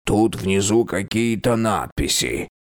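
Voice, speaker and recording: A man voicing a dead, mummified old king who is cheerful and curious, speaking slowly and drawing out his words in an audiobook reading. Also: on the low side, expressive.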